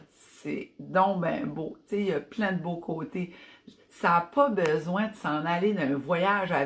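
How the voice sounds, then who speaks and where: A woman with an Acadian French accent from New Brunswick, chatting enthusiastically on a fitness live stream and slipping in English phrases. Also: on the low side. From New Brunswick, Canada. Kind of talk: casual live-stream chat.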